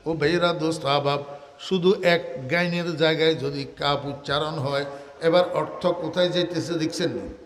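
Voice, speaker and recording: An older man with a Bangladeshi Bengali accent preaching a waz sermon, asking the crowd questions, answering them himself, and drawing out Arabic words slowly in a half-sung way. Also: on the high side, fairly even intonation. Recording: echoey hall reverb.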